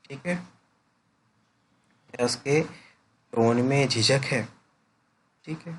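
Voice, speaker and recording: A man teaching a class in a patient, explanatory lecture, pausing often to ask his students "right?". His voice sits at an ordinary middle pitch. A faint hum of ambience hangs behind him. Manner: explanatory, peppers sentences with "right?" tag questions.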